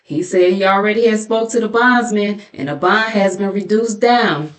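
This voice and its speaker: A middle-aged American woman, mid-range voice and moderate pace, gives reaction commentary as a YouTube host and narrator. She tells stories dramatically in a sassy, gossipy, colloquial manner, playfully mocking along the way.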